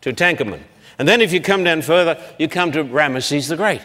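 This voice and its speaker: A man giving a public Bible lecture at a blackboard, talking slowly and deliberately and sounding out long names syllable by syllable. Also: on the high side, animated, fairly bright tone. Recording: long hall reverb.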